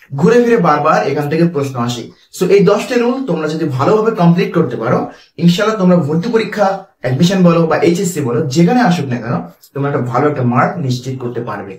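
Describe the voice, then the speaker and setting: Young guy teaching grammar for an exam, talks super fast, asks his own questions then answers, kinda far off the mic in an echoey room. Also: a little high, a little mellow. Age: young adult. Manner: explains step by step, asks and answers his own questions, reads examples slowly. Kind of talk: online exam-prep lesson.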